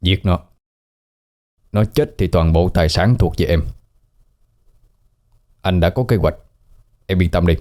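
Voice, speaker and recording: A man's voice: sits low, unhurried, pauses often, a little mellow. A man playing a sly scheming young lover. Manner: smooth, scheming. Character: sly young male cousin, treacherous lover.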